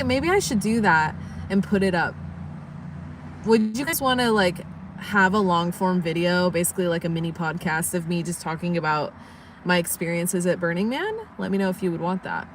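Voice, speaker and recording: A woman's voice: mid-range voice, background noise. A young woman chatting casually on a livestream, rambling and yawning, sleepy and just woken up. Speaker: livestream vlogger.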